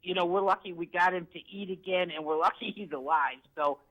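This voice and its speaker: A woman's voice: on the low side, a little fast, fairly bright tone, muffled recording. A woman in her sixties calling in to a vet show, polite and a little hesitant, with frequent "uh" fillers. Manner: polite, hesitant, uses "uh" and "yes, sir". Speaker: caller.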